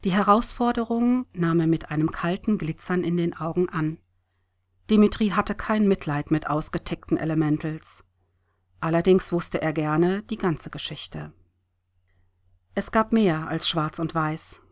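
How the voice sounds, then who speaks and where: Low-voiced woman audiobook narrator. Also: measured pace.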